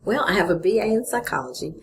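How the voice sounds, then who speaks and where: A woman's voice: mid-range voice, quick pace. A middle-aged woman from Texas, a festival organizer talking casually in an interview, laughing often and saying "you know" a lot. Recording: faint background noise.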